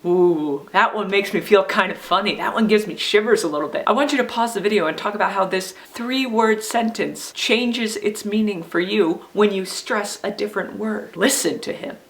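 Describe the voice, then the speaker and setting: A woman's voice: mid-range voice, moderate pace, few pauses. A woman giving a playful children's Bible lesson, upbeat and talking straight to young viewers. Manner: upbeat, playful, talks to a dog. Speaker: Sunday school teacher. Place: church video recording.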